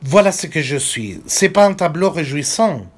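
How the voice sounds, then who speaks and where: A man's voice: a little high, sing-song, moderate pace. A man reading aloud as an insolent boy child soldier of about ten, telling his story bluntly with swearing and numbered points. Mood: defiant.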